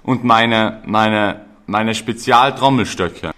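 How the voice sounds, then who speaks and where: A man's voice: lowish voice, takes it slowly, pushed and bright. A man playing a greedy, boastful long-nosed goblin in an amateur picture-card play. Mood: gruff. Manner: blustering, boastful. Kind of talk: amateur musical theatre reading.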